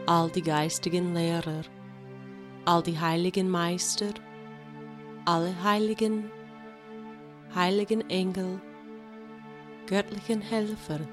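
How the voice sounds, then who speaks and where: Slow-speaking woman with an American accent. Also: fairly low pitch. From United States. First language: English. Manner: measured, solemn delivery in short phrases. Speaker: interpreter of a guided meditation. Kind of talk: guided meditation, consecutive translation.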